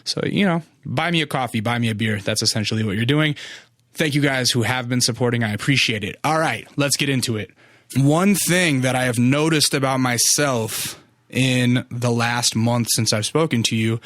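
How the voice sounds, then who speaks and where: A young man in the middle of a casual podcast monologue, rambling and profane, full of restarts and filler words. His voice sits at an ordinary middle pitch. The sound is dry and close, with no room around it. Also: a bit bright, no room sound. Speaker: podcast host. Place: Los Angeles apartment.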